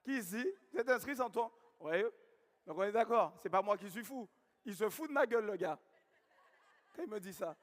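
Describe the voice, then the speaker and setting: A man's voice: sits high, expressive, fairly quick. A man with a Guadeloupean accent giving a network marketing training seminar, repeating key points and questioning the audience. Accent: Guadeloupean French. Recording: long hall reverb.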